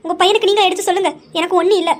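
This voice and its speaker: Brief: a gentle mother-in-law, voiced by a woman, high and soft. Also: steady tone, very fast. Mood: reassuring. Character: kind caring middle-aged mother-in-law.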